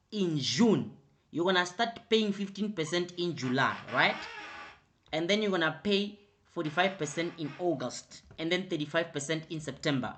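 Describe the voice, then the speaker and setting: A man teaching an online accounting revision class, repeating his prompts and growing louder and more emphatic as he explains. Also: a little high. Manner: repetitive, prompting with "right?" and "quickly". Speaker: accounting tutor.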